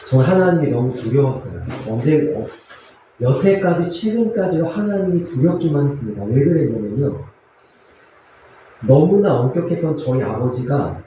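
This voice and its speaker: Man, pastor, earnest confessional sermon, mellow tone, very echoey church hall, slightly dull recording. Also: mid-range voice, slight background noise. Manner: earnest, confessional preaching with pauses and fillers. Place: church sanctuary.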